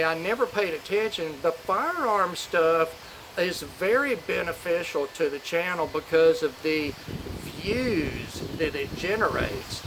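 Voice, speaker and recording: Higher-voiced man vlogging outdoors in wind noise. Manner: informal, rambling, opinionated. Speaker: knife review channel host. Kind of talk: casual chat to camera. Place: outdoors on a back porch in a storm. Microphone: phone camera. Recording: windy outdoor phone audio, storm noise.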